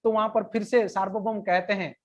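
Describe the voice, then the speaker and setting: A woman retelling a scripture story in a devotional lecture, in a plain conversational way, with slow recited verses now and then. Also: medium pitch, fairly even intonation.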